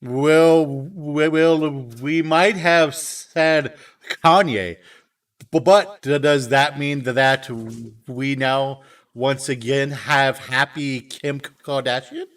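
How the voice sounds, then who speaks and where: A man's voice: medium pitch, fairly even intonation, takes it slowly, a bit bright, distant mic. A man co-hosting a casual podcast, teasing and stammering with many restarts. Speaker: podcast co-host. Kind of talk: casual chat. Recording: voice from off the mic.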